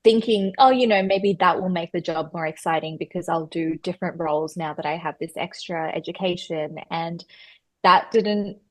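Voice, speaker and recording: A woman tells her story as a podcast guest, chatty and animated, stumbling over fillers and restarts. Her voice sits a little low and is recorded close and dry. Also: moderate pace, no echo. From Australia. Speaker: guest, personal stylist.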